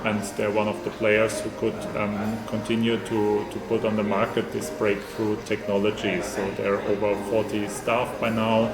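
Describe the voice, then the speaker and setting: A man giving formal interview answers as an institute director, measured and full of ums and restarts. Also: on the low side, roomy sound, poor audio. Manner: measured, flat delivery with frequent ums and restarts.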